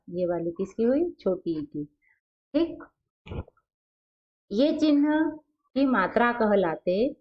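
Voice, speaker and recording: Woman teacher, very slow and deliberate, quizzes herself and repeats answers, lo-fi sound. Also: mid-range voice. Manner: asks questions and answers them herself, repeats key words. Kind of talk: classroom grammar lesson.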